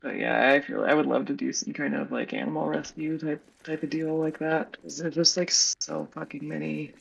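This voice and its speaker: A woman's voice: sits low, steady tone, normal speed, creaky, breathy edge, muffled recording. A young woman hosting a casual stream chat, rambling with lots of fillers and frequent laughs.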